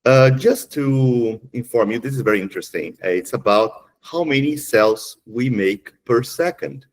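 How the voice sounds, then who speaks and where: A man's voice: mid-range voice, moderate pace, rough recording. A middle-aged man, a geneticist, giving a webinar lecture, explaining step by step and often checking with "okay?". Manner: counts aloud with the audience.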